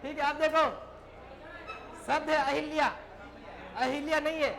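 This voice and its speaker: A man's voice: very high voice, little pitch movement, moderate pace, vocal fry, a bit bright, some chatter behind, low-quality recording. A male teacher giving a classroom grammar lesson, dictating words and explaining them in short, repeated phrases.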